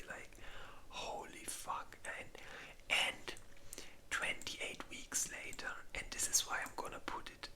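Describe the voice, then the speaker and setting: An ASMR host whispers breathily throughout, rambling loosely through a casual review and often groping for words. The voice sounds pushed and bright.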